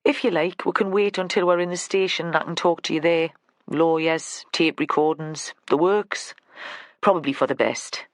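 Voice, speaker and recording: A reader doing a gruff detective woman. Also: low voice, steady tone, moderate pace, no room sound, studio quality, natural voice. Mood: wry. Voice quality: gruff, matter-of-fact. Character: blunt middle-aged female detective, dry humour.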